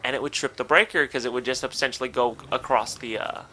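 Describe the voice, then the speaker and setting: A man's voice: mid-range voice, fairly even intonation, fast, bright, forceful tone. A young man on a casual gaming podcast, telling a story with lots of swearing and laughter. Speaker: podcast co-host.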